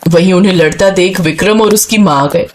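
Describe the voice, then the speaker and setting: A woman narrating a scripted moral story in an even, dramatic storytelling manner. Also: fairly low pitch, brisk, a little hiss or hum.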